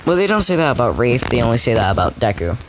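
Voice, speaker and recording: A man's voice: medium pitch, sing-song, quick pace. A man casually telling an improvised fan story, rambling and often correcting himself. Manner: rambling, with many self-corrections and fillers. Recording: noisy home recording.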